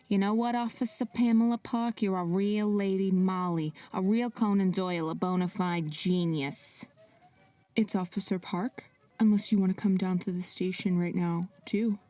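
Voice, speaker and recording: A woman tells her mystery story with wry, sarcastic asides. Her voice is mellow and dark in tone. She sits a little back from the mic, and faint music plays underneath. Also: mid-range voice, recorded from a distance. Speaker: narrator and protagonist. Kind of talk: scripted drama narration.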